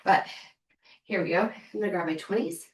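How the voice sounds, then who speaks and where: A woman's voice: mid-range voice, normal speed. A woman in her thirties leading a live home workout, counting reps and cheering the viewer on. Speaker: fitness instructor. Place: room at home. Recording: echoey room from far off.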